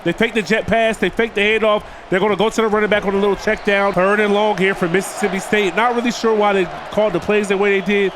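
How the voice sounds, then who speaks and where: With a cold making his high voice nasal, a gaming YouTuber rattles off quick play-by-play of a football video game, hardly pausing at all. He greets his viewers as "boys" and hypes the big moments. There's a persistent hiss beneath it.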